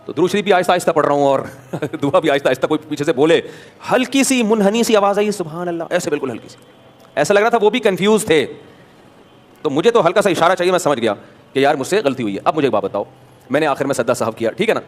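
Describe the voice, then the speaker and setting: Male religious scholar from Pakistan, somewhat high-pitched, with a chatty, anecdotal sermon delivery. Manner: animated storyteller, acts out dialogues, rhetorical questions.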